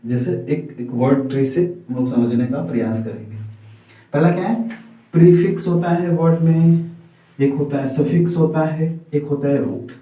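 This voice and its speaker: A man's voice: on the high side, normal speed, dark tone. A man teaching a basic grammar lesson in Hindi, asking his class a question and then answering it himself, checking over and over that they follow. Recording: echoey room, voice from a distance.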